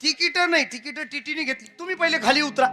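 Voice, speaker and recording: Brief: man doing a bossy ticket inspector, high and sharp, barking orders. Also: fast, soft background music, full character voice.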